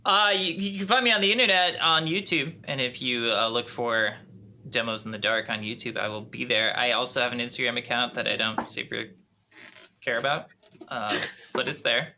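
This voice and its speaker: A man with a Minnesotan accent, a podcast guest chatting casually over a video call, talking haltingly with many restarts. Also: medium pitch, steady tone, pushed and bright, slight background noise. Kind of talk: casual chat.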